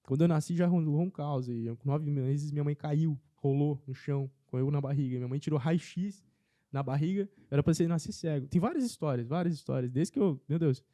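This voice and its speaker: A man telling a personal faith testimony as a podcast guest in casual chat, earnest and animated. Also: on the high side, brisk, no echo, studio quality.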